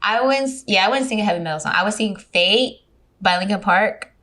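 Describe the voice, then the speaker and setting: A woman's voice: mid-range voice, brisk, fairly bright tone. Giggly young woman telling a story. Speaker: podcast guest. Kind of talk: casual storytelling chat. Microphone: remote recording.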